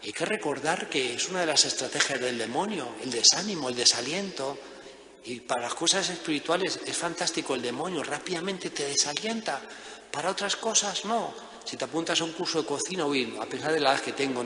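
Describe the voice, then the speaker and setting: A male priest giving a Lenten conference talk in a lively, animated manner. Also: medium pitch, a little fast. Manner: lively, acts out voices in anecdotes. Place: monastery church or hall. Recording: echoey hall with long reverb.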